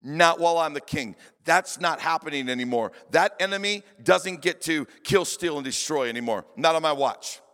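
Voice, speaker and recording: A man's voice: a little high, animated, moderate pace, hardly any pauses, a bit bright. A man voicing a righteous male king who firmly vows to protect his people. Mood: defiant. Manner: firm, vowing. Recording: long reverb of a large hall.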